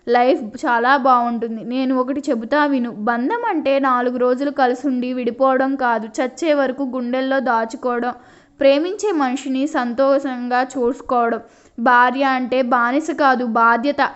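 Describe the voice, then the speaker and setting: Brief: woman narrator doing a gentle young doctor husband, calm and reassuring, high, even reading voice, slightly dull recording. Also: normal speed, lightly acted. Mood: earnest advice.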